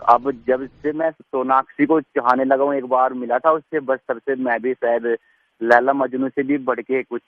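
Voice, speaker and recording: A man's voice: medium pitch, flat delivery, normal speed, dry recording. A man on a phone call, talking in a dramatic, lovestruck and pleading way. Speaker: prank call target. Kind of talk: phone conversation. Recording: tinny phone line.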